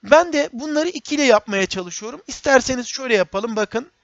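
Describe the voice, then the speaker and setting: Man giving a dull lo-fi software tutorial. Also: very high voice, lively intonation, fairly quick, no echo. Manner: step-by-step, repeats phrases, addresses viewers as friends. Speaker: instructor. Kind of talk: screen-recorded software tutorial. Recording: dull, dry lo-fi recording.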